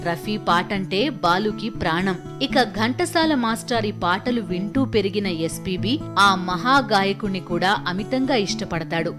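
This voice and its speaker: Woman narrating over loud music. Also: mid-range voice, lively intonation. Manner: measured, formal storytelling delivery. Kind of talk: scripted documentary narration.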